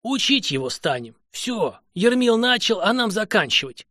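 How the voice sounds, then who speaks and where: A man voicing a wise old male Cossack elder who speaks slowly and gravely, with heavy sighs. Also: high-pitched, big pitch swings, sharp tone, dry recording, clean studio sound, pitched above the performer's own voice, heavily acted. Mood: solemn. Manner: slow, grave, sighing.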